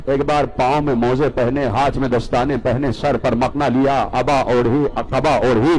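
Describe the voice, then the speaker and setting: A man's voice: mid-range voice, fairly even intonation, darkish tone, low-quality recording. Impassioned man preaching a mourning sermon. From Pakistan. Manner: repeats phrases for emphasis. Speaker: Shia cleric.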